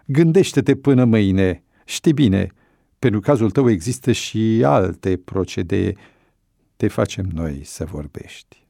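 A man's voice: on the low side, animated, creaky, warm tone, dry recording, clean studio sound. A man doing a menacing police chief. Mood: threatening.

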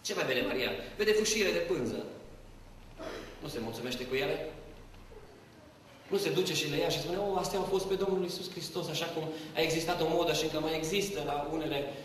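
A man preaching from the pulpit, high-pitched and bright, leaning on repetition and rhetorical questions. His voice rings out in a large, reverberant church hall, heard from a distance over faint room ambience. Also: a little hiss or hum. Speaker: pastor. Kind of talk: sermon.

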